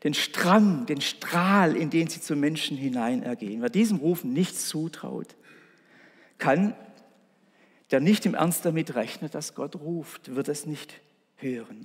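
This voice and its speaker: A male preacher delivers a sermon in an earnest, storytelling way, turning often to speak straight to his listeners. His voice sits slightly high with a husky edge. The sound carries the long reverb of a large hall. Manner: earnest, storytelling, addresses congregation directly.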